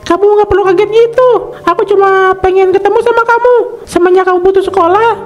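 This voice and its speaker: A woman voicing a loyal teenage schoolboy in a cartoon, talking in a calm, reassuring way. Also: extremely high pitch, fairly quick, highs cut off, faint music behind. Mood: easygoing. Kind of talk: cartoon voice acting.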